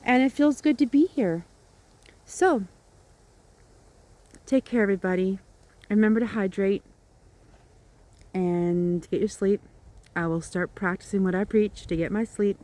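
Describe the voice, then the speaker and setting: A woman's voice: medium pitch, mellow. A middle-aged woman rambling casually to her viewers outdoors, in a chatty, informal way. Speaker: vlogger. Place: outdoors in the countryside.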